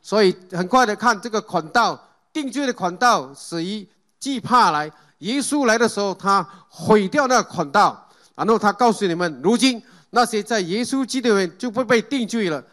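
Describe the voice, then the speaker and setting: A man with a high-pitched, slightly bright and expressive voice preaches a sermon at normal speed. He calls out Amen and Hallelujah, puts questions to the congregation and leads them in group reading.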